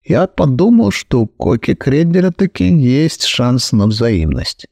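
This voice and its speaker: A man reading an audiobook aloud with lively, ironic storytelling. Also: mid-range voice, a little slow, vocal fry, dry recording, studio quality. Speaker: audiobook reader. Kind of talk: expressive audiobook narration.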